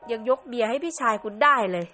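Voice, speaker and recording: A woman's voice: a little high, expressive, quick pace, pushed and bright. Woman doing a blunt older male judge.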